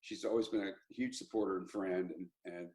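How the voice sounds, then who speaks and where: A man, a country singer telling stories in an interview, animated and rambling with restarts and laughs. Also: low-pitched, fairly quick, poor audio. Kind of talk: casual interview storytelling.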